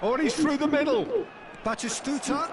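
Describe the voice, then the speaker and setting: A man voicing lively play-by-play commentary in a football video game. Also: extremely high pitch, normal speed, over a noisy crowd. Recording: loud stadium noise behind.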